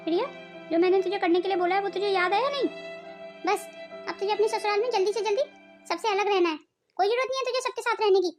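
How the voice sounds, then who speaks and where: A woman's voice: very high-pitched, fast, soft background music. A woman voicing a scheming, meddling mother. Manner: conspiratorial, coaxing. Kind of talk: melodramatic cartoon voice acting.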